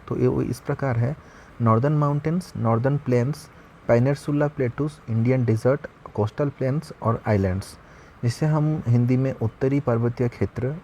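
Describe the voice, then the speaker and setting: A man gives an online geography lesson, walking through each point in a chatty, friendly-to-the-viewer way. His voice is mellow and warm-toned at an ordinary pitch, with a faint hiss of background noise. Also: dull audio. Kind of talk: explanatory lesson narration.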